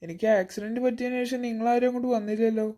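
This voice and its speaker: A calm cartoon teenage boy, gently reassuring and a little teasing, as a woman acts him out. His voice is somewhat high yet mellow and dark in tone. He talks softly and steadily. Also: racing, close to an everyday voice. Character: calm teenage boy returned after an accident. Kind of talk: cartoon voice acting.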